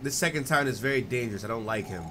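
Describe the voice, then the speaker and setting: A man voicing a powerful, calm, otherworldly male guardian, speaking slow, grave and low, reading game dialogue aloud. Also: noisy background, natural voice.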